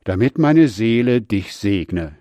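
A man voicing an old blind father who blesses his son in a solemn, measured scripture reading. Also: lowish voice, lively intonation, dark tone, dry recording.

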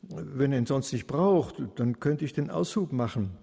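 A practical, helpful young man who weighs his words slowly, voiced by a man reading the story. The voice is a little husky. It rings on in a long hall reverb. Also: medium pitch, expressive, dark tone. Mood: thoughtful. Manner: slow, thoughtful.

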